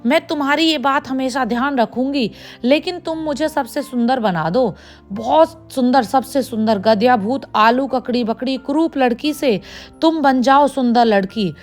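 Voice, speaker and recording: A young village woman in a storybook, emotional and pleading, with a quick temper, as a woman narrator voices her. Her voice is high, with gentle music behind. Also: close to an everyday voice.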